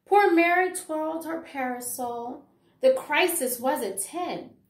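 A middle-aged woman educator, whose voice sits high, reads a children's picture book with deliberate expression. The read-aloud includes book commentary for children and teachers. She's indoors in a small home room, and the recording has a roomy echo.

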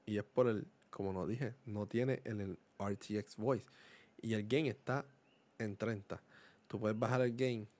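In a lowish, slightly mellow voice with fairly even intonation and a measured pace, a Puerto Rican gaming YouTuber explains microphone settings at home. The casual demo is recorded on a desk condenser mic. He sprinkles in English words and often asks if his listener is keeping up.

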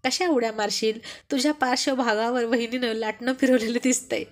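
A woman's voice: fairly high pitch, fairly even intonation, a little fast, natural voice. Woman reading as a cheerful joking young man.

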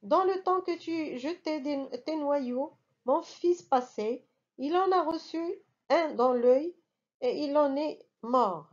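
A woman's voice: high-pitched, takes it slowly, lo-fi sound. A woman voicing a huge, ancient, vengeful male genie who speaks in a harsh, threatening tone. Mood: menacing.

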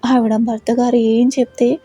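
A woman's voice: a little high, little pitch movement, moderate pace, dark tone, breathy edge. Woman doing a cheeky, mocking young woman. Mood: teasing. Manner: mocking, teasing.

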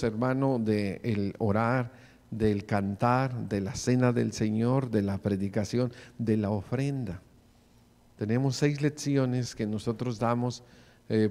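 Male preacher, 40s, mid-pitched, earnest sermon, church hall echo. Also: warm tone. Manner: preachy, calls listeners brother often. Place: church sanctuary, in front of the pulpit. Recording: long church reverb.

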